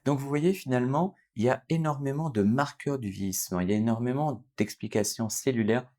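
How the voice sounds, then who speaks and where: A French doctor in his forties hosts a channel, explaining a topic to camera in an unscripted educational talk. His medium-pitched, slightly mellow voice is full of fillers, frequent hesitations, and self-corrections as he works through the explanation.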